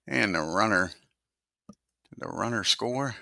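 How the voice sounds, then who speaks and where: A man calling play-by-play for a simulated baseball game, talking himself through the game software and swearing under his breath when it fights him. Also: fairly low pitch, lively intonation, takes it slowly, creaky, no room sound, studio quality. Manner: talks to himself while working the game software. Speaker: host of a baseball simulation channel.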